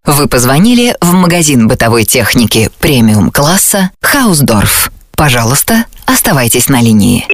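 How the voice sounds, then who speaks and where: A woman reading recorded phone greetings and hold messages in a polite, measured, formal manner. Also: deep voice, a little mellow, no echo, clean studio sound. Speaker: phone system announcer.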